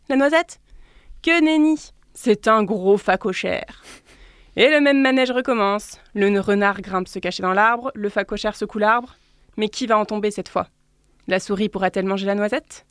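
A woman who works as a librarian, giving a clear, lively scripted presentation of children's books and apps. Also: a little high, dry recording, studio quality. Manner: clear, lively storytelling delivery.

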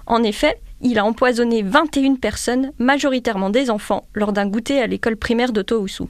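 A woman's voice: a little high, fairly quick, dry recording. Chatty woman presenting a manga. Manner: chatty, self-mocking asides. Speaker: book presenter. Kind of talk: scripted radio book review.

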